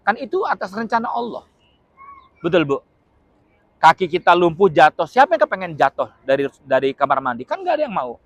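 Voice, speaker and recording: Animated man preaching with humor. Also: high-pitched, a little fast, no echo, dull audio. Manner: humorous, keeps asking the audience questions; acts out short dramatic quotes with shouts. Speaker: Islamic preacher. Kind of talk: lively religious lecture to a live audience.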